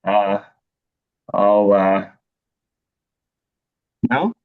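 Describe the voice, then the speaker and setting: This caller is a man speaking very slowly in a low, clear, resonant voice. He puts a casual question to a guest, hesitating and filling it with ums and likes, over a muffled lo-fi line whose signal keeps dropping out.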